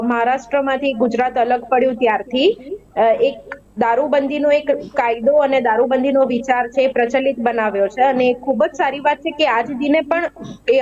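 A woman, a guest expert, explaining legal rules in a measured way with some hesitation. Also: high voice, darkish tone, poor audio. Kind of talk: explanatory studio discussion.

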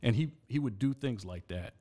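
A man's voice: medium pitch, lively intonation, normal speed, warm tone. A man who is a podcast guest, telling stories from his life in a casual studio chat, earnest and often restarting with repeated words.

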